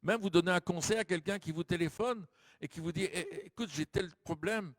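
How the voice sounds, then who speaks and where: A middle-aged man preaching a lively sermon, telling stories and acting out the voices of the people in them, with frequent fillers. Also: sits high, brisk. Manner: animated, acts out quoted voices, frequent fillers. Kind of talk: sermon with storytelling. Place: large hall. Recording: dry close mic with long hall reverb.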